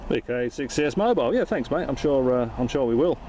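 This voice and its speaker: A man in a car jokes around in a matey, informal manner as both ham radio operator and video host, moving between casual radio chat and vlog narration. His mid-range voice is expressive and quick, and the recording is very noisy.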